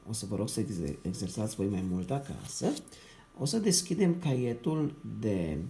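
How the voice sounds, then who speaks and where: A man with a dark, mellow voice and a touch of gravel, giving a reading lesson to young children. His pitch rises and falls a lot as he sounds syllables out slowly and repeats them. He keeps checking in with the class in a patient, encouraging way. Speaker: primary school teacher.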